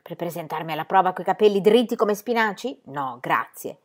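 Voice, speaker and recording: A woman's voice: lowish voice, expressive, brisk. A woman reading aloud and voicing a sleepy, dismissive grown daughter with a languid, sardonic manner. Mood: weary. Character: weary adult daughter, sleepy, dismissive singer.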